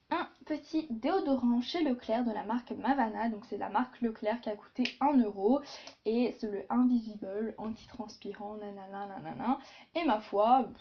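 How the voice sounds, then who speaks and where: Chatty woman with a higher voice. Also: muffled recording, slight background noise. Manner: chatty, many fillers and asides. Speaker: beauty vlogger. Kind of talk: casual haul video chat.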